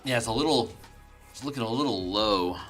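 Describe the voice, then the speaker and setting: A man streams his artwork with faint music behind, chatting casually while painting and murmuring instructions to himself. His voice is medium-pitched and fairly bright, a little fast, full of chatty asides and frequent restarts.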